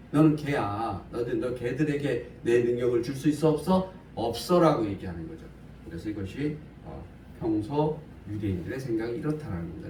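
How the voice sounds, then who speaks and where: A man's voice: medium pitch, warm tone. A man preaching a conversational Bible sermon in a casual, blunt way, often asking his listeners questions. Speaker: pastor. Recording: roomy, from a distance, faint hiss.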